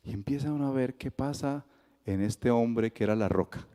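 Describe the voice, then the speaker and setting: In a spacious church sanctuary, a man with a Colombian accent preaches at a moderate pace with a medium-pitched voice. This pastor brings his story to life, performing each character's lines with energy.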